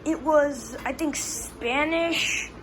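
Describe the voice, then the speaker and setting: Young girl asking questions, casual chat, kinda high voice, noisy home audio. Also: drawn-out words. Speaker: interviewer asking for reactions.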